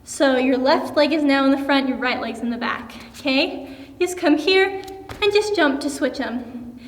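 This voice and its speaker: High-voiced young woman teaching kids dance. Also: normal speed. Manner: upbeat, encouraging, counts and demonstrates moves. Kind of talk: kids' dance lesson. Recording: echoey room with long reverb.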